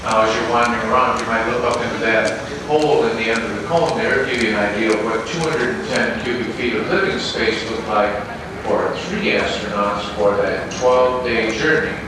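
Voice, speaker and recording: A man giving a guided tour to visitors, repeating his relaxed script for each new group, filmed from a distance on an old home VHS camcorder tape. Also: lowish voice, moderate pace. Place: large exhibit hall indoors. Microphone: far camcorder mic. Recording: echoey hall on a noisy old VHS tape.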